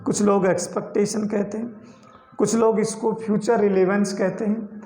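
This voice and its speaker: Lecturing a class on a poem in a classroom with a board, a male teacher explains in Hindi mixed with English words, slowly repeating key terms. His delivery is high-pitched, flat, and mellow, with a reverberant sound.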